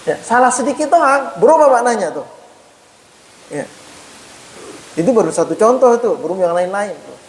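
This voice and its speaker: A man with a fairly high voice gives a relaxed religious lesson in a mosque, saying "ya" again and again between phrases. He stops often to sound out Arabic letters slowly and carefully. A faint hiss sits under the recording. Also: poor audio. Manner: punctuates phrases with a frequent "ya"; conversational, addresses listeners as "Pak". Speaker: Islamic teacher. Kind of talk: mosque study lecture.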